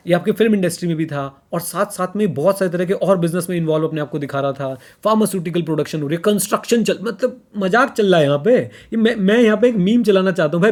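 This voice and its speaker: Chatting casually as a podcast co-host, this man has a fairly high pitch and a darkish tone. He drives his points home through repetition, dropping English phrases in as he goes.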